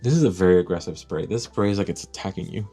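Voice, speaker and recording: An excitable man unboxing fragrances and gushing over each one as he thinks aloud. His voice sits low and mellow, with soft music playing behind him. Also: quick pace, breathy edge. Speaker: fragrance reviewer.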